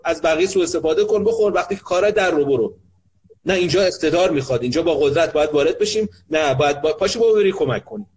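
Husky-voiced man explaining parenting. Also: fairly high pitch. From Iran. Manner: asks rhetorical questions and answers them himself. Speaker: sociologist and family counselor. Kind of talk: talk on parenting.

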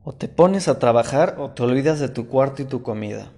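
A man's voice: mid-range voice, lively intonation, a little fast, darkish tone. A man voicing a harsh middle-aged workshop boss who talks in a curt, scolding way.

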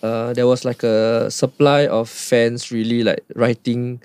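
A man's voice: mid-range voice, level tone, a little slow, a little mellow, clean tone, dry recording. A Singaporean man chatting casually with friends in colloquial Singlish, using local particles. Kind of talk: casual group chat.

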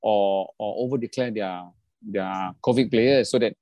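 A man's voice: lowish voice, measured pace, no room sound, highs cut off. A man with a Singaporean or Malaysian accent chats casually about sport with friends in colloquial slang English, peppered with particles and insistently repeated phrases. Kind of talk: casual football banter among friends.

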